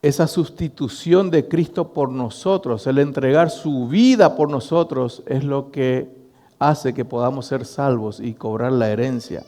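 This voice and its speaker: A middle-aged pastor preaches to his congregation, speaking to them directly as he tells a story. His voice is mellow and sits at an ordinary pitch for a man. The sound rings with the long reverb of a church hall. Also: measured pace. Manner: storytelling, addressing the congregation as brothers, animated. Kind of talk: sermon.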